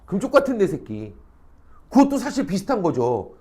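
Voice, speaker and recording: A middle-aged man gives a high school social studies lecture in a classroom. His voice sits fairly high for a man and swings wildly up and down as he acts out quoted people. He keeps checking in with the class through rhetorical questions and drops salty slang. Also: wildly swooping pitch, normal speed, dark tone, slightly rough. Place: academy classroom.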